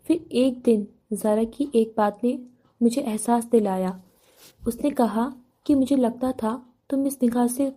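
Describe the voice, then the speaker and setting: A calm young man speaks softly and evenly about his feelings, voiced by a woman reading an audiobook. The tone is dark and mellow, sitting a little high. The story is a romance novel read aloud. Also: close to an everyday voice. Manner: calm, soft-spoken lines.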